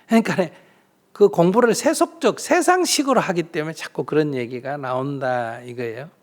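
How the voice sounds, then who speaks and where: A Buddhist monk speaking gives a dharma talk in a fairly high voice. His pitch swings widely as he throws rhetorical questions at the audience and acts out small exchanges between people. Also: normal speed. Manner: lively rhetorical questions, acts out little dialogues.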